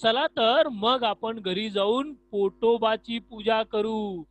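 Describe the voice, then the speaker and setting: Hearty, hungry village man, read out by a male teacher, slow and loud. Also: high-pitched, dry recording. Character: friendly hungry village man inviting his friend to eat.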